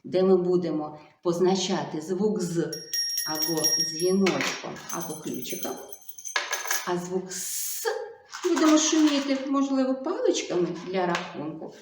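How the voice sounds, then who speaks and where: Lady speech therapist talking to little kids, slow sing-songy coaxing voice, echoey room. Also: on the low side, lively intonation, very noisy. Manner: slow, sing-song and coaxing, full of diminutives. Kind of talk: video lesson for young children.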